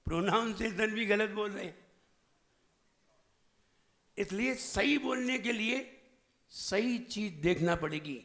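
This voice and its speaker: A man's voice: high-pitched, pushed and bright. A man with a central Indian Hindi accent, a Jain monk giving a sermon, who emphatically drills his audience on correct pronunciation with repeated questions. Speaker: Jain monk teaching recitation. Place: lecture hall at a training camp.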